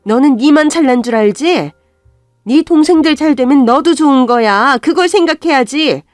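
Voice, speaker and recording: A woman voicing a harsh middle-aged mother who scolds and shouts at her daughter in a storybook radio drama. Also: sits high, lively intonation, normal speed, dry recording, clean studio sound, faint music behind, voice pushed up. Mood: scolding.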